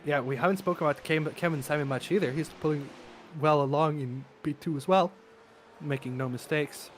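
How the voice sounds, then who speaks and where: A man calling a sim race live, talking through his race-day hoarseness with lots of fillers and restarts. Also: on the high side, fairly quick. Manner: excitable, many fillers and restarts. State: voice wearing out. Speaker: race commentator. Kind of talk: live sim racing commentary. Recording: noisy stream with engine sounds. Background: race car engine noise.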